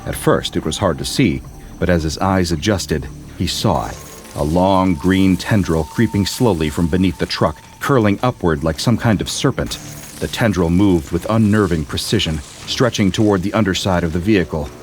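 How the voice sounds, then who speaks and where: A man narrating a scripted horror story in a steady, measured way. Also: low voice, faint music behind.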